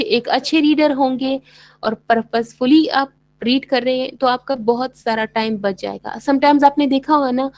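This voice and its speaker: A woman with a Pakistani accent giving a bilingual English lecture, explaining in Urdu-Hindi and reading English lines slowly and deliberately. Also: on the high side, darkish tone, no echo, low-quality recording. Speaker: English teacher.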